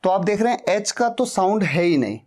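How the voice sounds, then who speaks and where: A man's voice: sits high, very animated, brisk, darkish tone. A man teaching an English pronunciation lesson, patiently spelling out words and repeating them. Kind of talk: slow spoken-English lesson.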